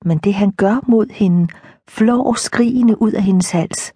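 A woman narrating an audiobook in a soft, measured reading style. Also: medium pitch, breathy edge, no echo, clean studio sound.

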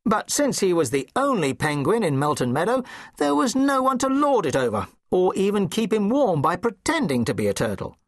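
A man narrating a children's storybook in an expressive, playful way. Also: high voice, moderate pace, no echo, clean studio sound. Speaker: audiobook narrator.

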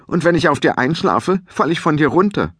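A man's voice: a little high, expressive, brisk, husky, no room sound, studio quality, voice pushed up. A man voicing an earnest young giant boy in a children's audiobook, calling out eagerly and urgently.

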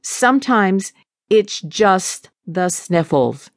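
A woman voicing a tired, remorseful husband and father in an audiobook, speaking quietly and apologetically. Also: mid-range voice, animated, drawn-out words, no room sound, studio quality. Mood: subdued.

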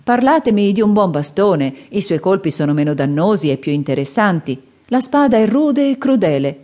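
A woman's voice: medium pitch, sing-song, moderate pace, warm tone, voice pushed up. A woman voicing a young male outlaw forester who speaks in an earnest, heartfelt way in an audiobook.

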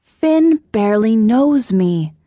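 A woman's voice: on the high side, lively intonation, slow pace, no echo, dull audio. Woman doing an earnest young pie-shop owner. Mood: gentle. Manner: earnest, softly spoken.

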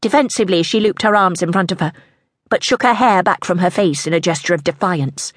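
A woman narrating an audiobook in a tense, measured storytelling manner. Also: lowish voice, no room sound, clean studio sound.

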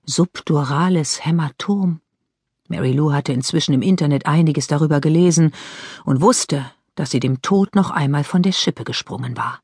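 Woman, audiobook narrator, scripted narration, measured, husky, dry studio sound. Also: low-pitched, a little mellow, dry recording.

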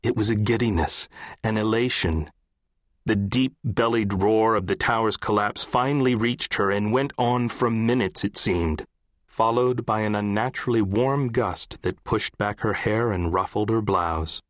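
A man reading literary fiction as an audiobook narrator, in a measured, composed way. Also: lowish voice, dry recording, studio quality.

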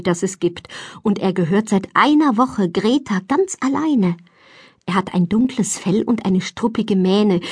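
A woman narrating a children's storybook in a lively, expressive way. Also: medium pitch, slightly rough, no echo. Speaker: audiobook narrator. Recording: dry close studio sound.

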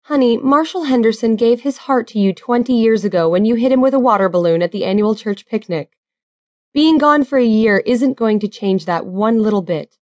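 A cheerful middle-aged mother, reassuring and comforting, as a woman narrator puts her on. Her voice sits a bit high with a sing-song lilt, and it is read close and dry for an audiobook. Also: expressive, normal speed, no room sound, natural voice. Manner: warm, comforting.

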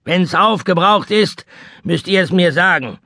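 A man voicing a coarse, domineering old sea captain in a rough, barking sailor's manner for an audiobook. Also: sits high, animated, a little slow, sharp tone, no echo, studio quality, pitched above the performer's own voice, exaggerated voice. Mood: gruff.

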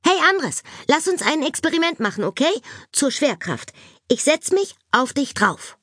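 A woman's voice: high voice, moderate pace, no echo, studio quality, voice pushed up. A woman reading an audiobook, voicing an eager, bossy young schoolgirl full of ideas. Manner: excited, bossy. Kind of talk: audiobook character voice.

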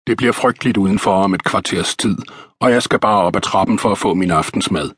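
A man's voice: lowish voice, a bit bright, slightly rough, dry recording, studio quality. A male narrator voicing a jovial, fatherly older English shop owner in an audiobook.

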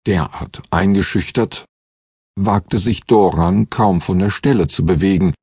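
A man narrating a science-fiction audiobook in a calm, measured reading. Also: low voice, slightly rough, no echo, studio quality. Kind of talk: scripted narration.

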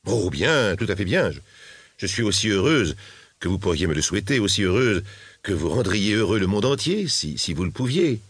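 A man's voice: fairly low pitch, very animated, normal speed, fairly bright tone, slightly rough, no echo, heavily acted. A man voicing a sweet, cheerful young blind woman in a storybook reading, speaking eagerly with small stammers.

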